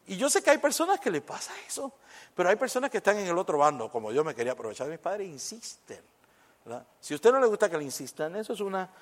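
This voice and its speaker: A man preaching a sermon, lively and conversational, acting out little exchanges and dropping in English phrases. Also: a little high. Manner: animated, acts out little dialogues, mixes in English phrases.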